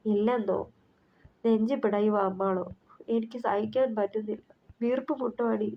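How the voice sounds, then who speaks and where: Woman doing a sad young woman, soft and resigned, muffled audio. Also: medium pitch, fairly even intonation, moderate pace, lightly acted. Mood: sorrowful. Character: heartbroken young woman in unrequited love. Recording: slightly muffled recording.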